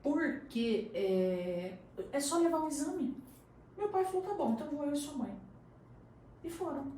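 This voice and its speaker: A woman with a Brazilian Portuguese accent tells her story as a talk-show guest, voicing the other people in it. Her voice is fairly high. The sound is very echoey and picked up from a distance, with a faint hiss behind her. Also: a little fast. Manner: animated storyteller who acts out the other people's lines. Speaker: interview guest. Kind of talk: casual chat, personal storytelling. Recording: very echoey room, distant mic, faint noise.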